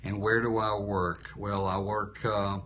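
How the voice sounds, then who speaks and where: His voice sits on the low side with a sharp tone, little pitch movement and a measured pace. An insurance entrepreneur and speaker from Louisiana, worn out after a long day, he coaches live-stream viewers with frequent rhetorical questions. The phone audio cuts off the highs and picks up slight background noise.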